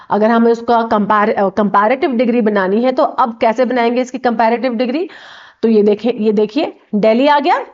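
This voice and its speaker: A woman's voice: on the high side, dull audio. A woman teaching an English grammar lesson from slides, explaining step by step and often checking in with "okay".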